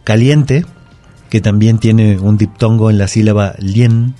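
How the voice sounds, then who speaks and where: A man with a low, mellow voice explains spelling and grammar on a radio show. He is patient and methodical, building each point up with examples. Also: unhurried, faint music behind. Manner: calm, patient, explains rules step by step with examples. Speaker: language expert guest.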